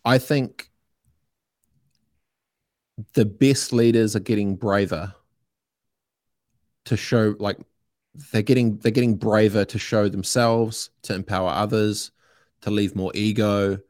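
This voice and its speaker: A man's voice: on the low side, steady tone, takes it slowly, pauses often, a little mellow, no echo, clean studio sound. A middle-aged man with a New Zealand accent, talking casually and emphatically as a podcast guest, with plenty of slang and swearing. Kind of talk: casual opinionated conversation.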